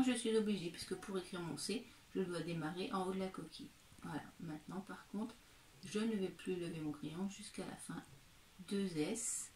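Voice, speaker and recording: A woman, a primary school teacher, slowly and patiently walking a young child through handwriting step by step and talking to the child directly. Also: medium pitch. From France. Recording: roomy, distant from the mic, faint background noise.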